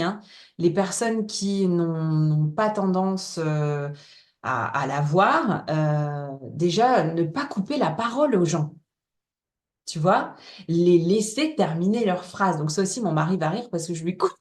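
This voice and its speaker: A woman's voice: fairly low pitch, a little mellow, echoey room. A woman coach from northern France, chatting candidly as an interview guest and laughing easily. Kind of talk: casual interview chat.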